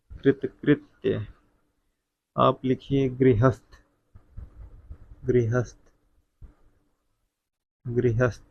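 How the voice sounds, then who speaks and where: A man teaching a Hindi spelling lesson, dictating each word slowly and repeating it, calling his viewers friend. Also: medium pitch, vocal fry, no echo. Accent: North Indian Hindi. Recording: dull, lo-fi sound.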